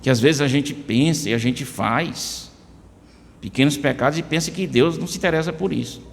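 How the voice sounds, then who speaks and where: Man, Brazilian Portuguese accent, emphatic sermon delivery in a slightly high voice, church hall echo. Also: moderate pace, gravelly. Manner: addresses listeners by name, emphatic rises. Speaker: preacher.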